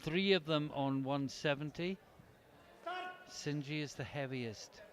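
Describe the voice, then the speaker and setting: A man's voice: on the high side, slow pace, crowd noise. A man commentating live on a competition, chatty and explaining the results.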